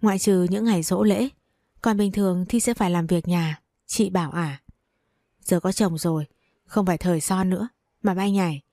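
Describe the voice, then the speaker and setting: A woman's voice: on the low side, moderate pace, warm tone, dry recording, studio quality. A woman reading a family drama story aloud as a storyteller, taking the dialogue in her own voice. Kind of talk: scripted story narration.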